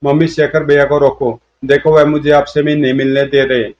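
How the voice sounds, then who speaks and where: A man's voice: on the high side, little pitch movement, moderate pace, a little mellow, lightly acted. A man voicing an old man over seventy who whines and pleads like a six-year-old boy, in a comic storybook reading. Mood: whining. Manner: childlike, whiny pleading. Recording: dull lo-fi audio.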